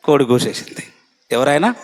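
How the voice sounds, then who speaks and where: A man's voice: mid-range voice, expressive, moderate pace. A man preaching a sermon, with emphatic, repetitive lists.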